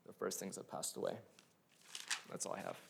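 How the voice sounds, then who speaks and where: A man's voice: low voice, sing-song, a little fast, creaky, very noisy. A man reading a prepared religious testimony aloud, including scripture. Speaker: speaker sharing testimony.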